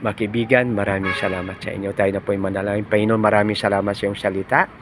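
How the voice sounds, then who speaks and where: A man's voice: on the low side, flat delivery, fast talker, slight background noise. A man preaching a devotional sermon outdoors among trees, in a conversational way that often asks his friends "no?" and mixes in English phrases. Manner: conversational, often asking "no?" and calling listeners "friends".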